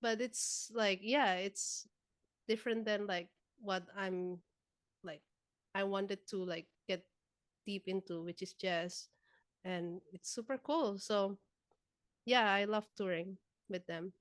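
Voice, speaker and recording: A woman speaks as a guest in a relaxed interview. She talks slowly, often stopping for filler words. Her voice is smooth and clean, recorded close and dry. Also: mid-range voice, dry recording. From Indonesia. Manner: relaxed, chatty, many filler "like"s. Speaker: guest musician. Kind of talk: casual interview chat.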